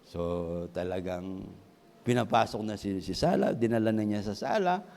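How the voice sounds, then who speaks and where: A man's voice: fairly low pitch, expressive, normal speed, creaky, darkish tone. A man, the senior pastor, preaching a sermon, telling a story and asking the congregation rhetorical questions. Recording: hall with long reverb.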